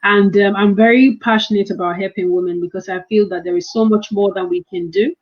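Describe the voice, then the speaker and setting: A woman's voice: mid-range voice, fairly even intonation, brisk, dull audio. A woman hosting an online event as an author, talking in an encouraging, rambling way. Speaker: host and author.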